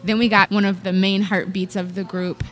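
A woman's voice: medium pitch, level tone, moderate pace. A woman hosting a podcast in a casual, upbeat and emphatic conversational way. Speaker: podcast host, singer.

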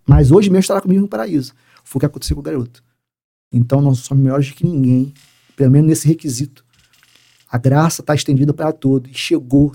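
A man, a police sergeant telling a personal faith story in an interview, acting out dialogue and sinking very low at emotional points. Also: warm tone. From Rio de Janeiro, Brazil. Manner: emphatic storyteller who acts out dialogue and drops very low in emotional moments.

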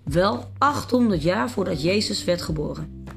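A woman calmly and clearly reading children's Bible stories and picture books aloud. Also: lowish voice, measured pace. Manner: calm, clear storybook reading. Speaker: storyteller. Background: faint music.

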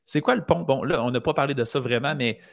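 A man's voice: medium pitch, quick pace, vocal fry. A man with a Quebec French accent hosting an interview, reflective and circling his points with restarts. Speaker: podcast host. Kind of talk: conversational interview.

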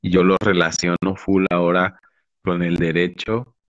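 Young guy with a low voice, heartfelt halting faith testimony, says bro and man a lot, dry close sound. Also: flat delivery, no echo, muffled recording. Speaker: believer sharing a testimony.

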